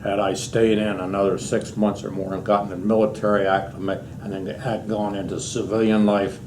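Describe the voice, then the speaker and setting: Elderly American male war veteran, lowish voice, reminiscing anecdotally for an oral history; clearly noisy room recording. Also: little pitch movement, a little fast. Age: 80s. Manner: old veteran remembering, rambling and anecdotal. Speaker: war veteran being interviewed.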